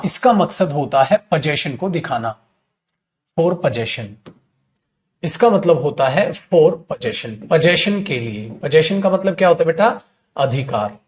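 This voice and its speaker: A middle-aged man with an Indian English accent teaching English grammar in a live class, coaxing his students and asking and answering his own questions. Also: a little high. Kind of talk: live online class lecture.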